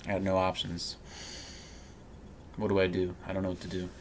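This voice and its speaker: Thirties male vlogger, lowish voice, halting rambling delivery, faint background hiss. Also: monotone. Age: 30s. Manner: halting and rambling, full of fillers and restarts. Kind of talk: personal vlog monologue.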